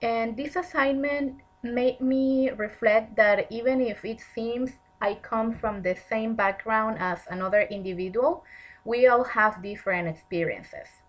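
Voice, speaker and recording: This is a graduate student from Mexico, a native Spanish speaker in her thirties, reading a self-introduction she has written ahead of time. She has a slightly high voice and an earnest, measured manner, dotted with frequent ums, captured on a low-quality recording.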